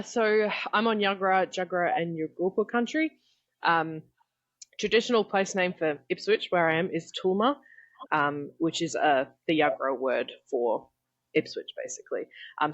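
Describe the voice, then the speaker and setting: A woman's voice: low-pitched, lo-fi sound. Chatty Australian woman on a call. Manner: chatty, laughing, frequent "um" and "like". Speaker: podcast guest. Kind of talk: casual chat. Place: home room. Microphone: video call.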